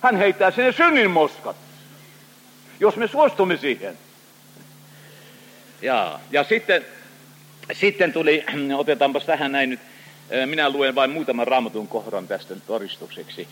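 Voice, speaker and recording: A man preaching a sermon, expressive and full of small hesitations as he reads and explains scripture. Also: medium pitch, pauses often, long reverb tail, low-quality recording.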